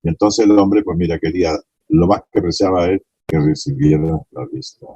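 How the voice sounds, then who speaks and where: A man's voice: sits low, normal speed, gravelly, dark tone, breathy edge, no echo, dull audio. A man preaching a sermon to a small congregation, passionately acting out the scene he tells. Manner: impassioned, acts out the blind man's pleas.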